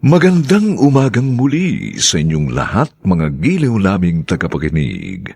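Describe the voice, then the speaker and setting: A man with a Filipino accent and husky voice, giving solemn, theatrical scripted narration as a radio drama host. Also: low-pitched, wildly swooping pitch, a little mellow. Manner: theatrical, solemn, drawn-out phrases.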